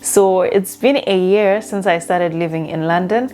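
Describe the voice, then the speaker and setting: A young woman from Zimbabwe, chatting casually in a vlog with a relaxed manner and frequent fillers. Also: fairly low pitch, unhurried. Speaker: vlogger. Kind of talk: casual talking-to-camera vlog.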